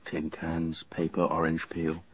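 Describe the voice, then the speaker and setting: Rumbling low and completely flat, this man's voice moves unhurriedly through a radio drama's confessional narration, voicing an earnest young British man who is infatuated and uneasy. He sounds hesitant, introspective and brooding. The recording is muffled, with slight hiss or hum.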